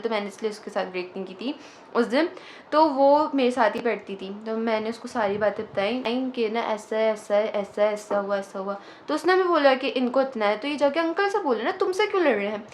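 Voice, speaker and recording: A young woman casually telling a personal story, animated and dropping English phrases into her speech. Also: on the high side, slight background noise.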